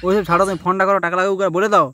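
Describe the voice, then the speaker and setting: A young prank caller from Purulia, West Bengal, India, with a rural western Bengali accent, pleads and argues insistently and melodramatically on a casual call recorded outdoors. His voice sits high and sounds bright and forceful, but his delivery is flat and racing. There's slight background noise.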